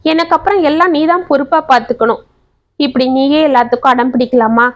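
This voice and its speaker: ஒரு பெண் கதைசொல்லி, பொறுமையான விதவைத் தாயின் குரலில் மென்மையாகக் கெஞ்சிப் பேசுகிறார். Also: female voice, sits high, close to an everyday voice. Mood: chiding. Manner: pleading, gentle. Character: patient widowed mother, pleading and tearful.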